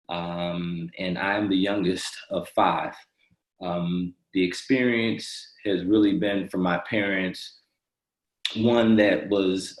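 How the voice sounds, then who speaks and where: Deep-voiced male therapist, flat and slow-spoken, halting, echoey room. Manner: slow and halting, many fillers. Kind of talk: panel introduction.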